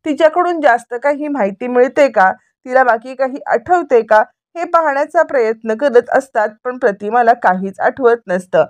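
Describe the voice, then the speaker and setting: A woman retelling a television serial episode as a lively, running story recap. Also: high-pitched, normal speed, hardly any pauses, no room sound.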